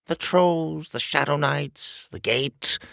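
A man voicing a tiny, arrogant king with a strange, shrill voice who snarls at everyone. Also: slow, gravelly, bright, forceful tone, no echo, studio quality, exaggerated voice. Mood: contemptuous.

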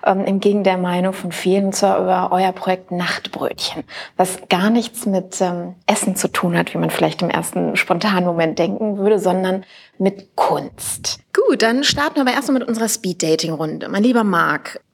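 A woman from Düsseldorf hosting an interview podcast in an art gallery, friendly and quick to laugh. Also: lowish voice, gravelly, breathy edge. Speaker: podcast host.

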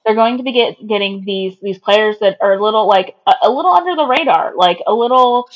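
A woman with a medium-pitched voice in a casual sports chat. She speaks informally and agreeably as a co-host responding to her partner. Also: lively intonation, brisk, dull audio.

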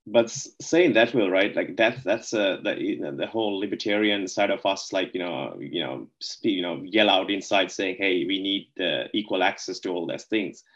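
A man's voice: low-pitched, moderate pace, few pauses, a bit bright, lo-fi sound. A man from Sri Lanka, chatting casually as an interview guest and rambling with lots of "like, you know".

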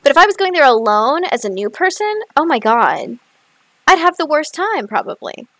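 A woman co-hosting a podcast, talking casually and excitedly with lots of fillers and big swings in pitch. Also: moderate pace, dry recording, rough recording. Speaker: podcast co-host. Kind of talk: casual chat. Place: rural area, far from a city.

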